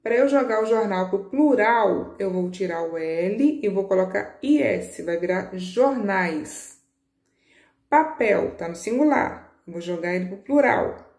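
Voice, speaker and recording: A woman teacher patiently walking children through a worksheet, stretching key words slowly and checking in with short questions. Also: medium pitch, expressive, gravelly, a little mellow, echoey room. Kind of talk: children's lesson walkthrough.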